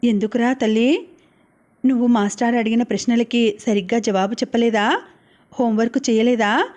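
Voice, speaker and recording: A woman voicing a caring young mother in an audiobook, speaking softly and tenderly, with worry underneath. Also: fairly high pitch, fairly even intonation, normal speed, lightly acted. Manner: soft, tender and coaxing.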